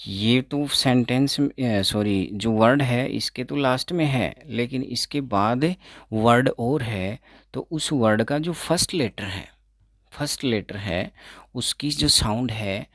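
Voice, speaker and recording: A man teaching English pronunciation as an exam-prep tutor, explaining slowly, repeating words and correcting himself as he goes. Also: mid-range voice, fairly bright tone, no room sound, clean studio sound. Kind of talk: explaining phonetics in Hindi.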